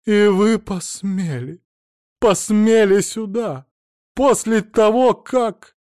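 A shrill, overbearing older woman, put on by a male narrator, her voice leaping high and loud as she screeches and rails in indignation. The sound is dry and close, a storybook reading. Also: expressive, brisk, dry recording. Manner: screeching, indignant, theatrical sobbing. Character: shrill, hysterical older woman, domineering mother.

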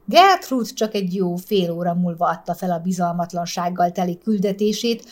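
A woman reads a short story aloud in measured narration. Her voice sits a little low for a woman. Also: animated. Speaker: audiobook narrator. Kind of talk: scripted narration.

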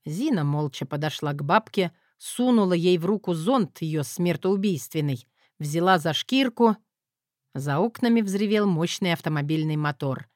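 A woman reading an audiobook in a steady first-person narration. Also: on the low side, normal speed, no room sound, studio quality. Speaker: audiobook reader.

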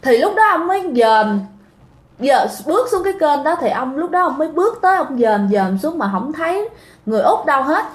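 A woman's voice: high voice, sing-song, brisk. A woman with a Southern Vietnamese accent telling a ghost story in a casual, chatty way, often speaking straight to her listeners. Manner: chatty, speaks directly to listeners, many fillers. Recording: roomy echo.

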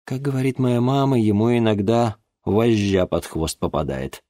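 A man's voice: moderate pace, no echo, clean studio sound, lightly acted. A man voicing a headstrong teenage girl who argues back at her strict father in an audiobook. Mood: apologetic. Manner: high, sharp and indignant. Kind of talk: audiobook character voice.

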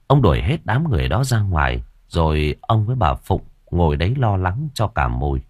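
A man's voice: low voice, sing-song, fairly quick, darkish tone, no echo, clean studio sound. A man narrating an audiobook story in a dramatic, vivid way.

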